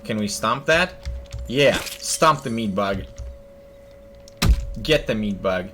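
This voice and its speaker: A young male streamer with a lowish, animated voice and a sharp tone takes it slowly as he jokes and thinks aloud over his gameplay. Faint game music plays, and there's a little hiss or hum on the recording.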